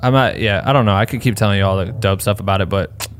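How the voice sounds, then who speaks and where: A man's voice: lowish voice, fast talker, slight background noise. A young man hosting a podcast, chatting casually and rambling in slang, laughing often. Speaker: podcast host. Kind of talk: casual podcast chat with ad read.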